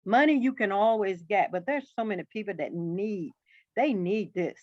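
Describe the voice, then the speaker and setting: A woman on a video call telling her story in an emphatic, animated way. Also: mid-range voice, moderate pace, no echo. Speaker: new team member. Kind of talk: casual testimonial on a video call. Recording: dull video call audio.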